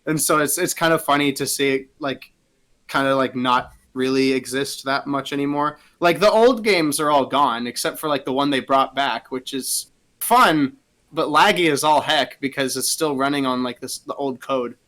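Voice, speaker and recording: A man's voice: mid-range voice, normal speed, bright, forceful tone. A young man co-hosting a podcast, chatting casually in a rambling, giggly way with lots of fillers. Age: young adult. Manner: rambling, giggly, says "like" a lot. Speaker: podcast co-host. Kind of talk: casual chat.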